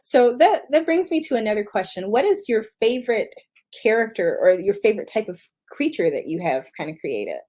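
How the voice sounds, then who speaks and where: A woman's voice: medium pitch, big pitch swings, brisk, a little mellow. A woman hosting a podcast, upbeat and speaking straight to her listeners. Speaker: podcast host. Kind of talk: casual interview chat.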